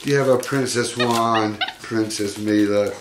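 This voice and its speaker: A man's voice: on the low side, fairly even intonation, measured pace, background noise. A man hosting a casual home video, coaxing and doting on his pet monkeys.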